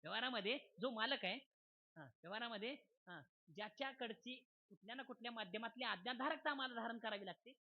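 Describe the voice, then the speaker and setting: A man's voice: extremely high pitch, fast. A man, giving a humorous devotional sermon in a folksy style, often checking that the crowd is following. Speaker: kirtan preacher. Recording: dull lo-fi recording.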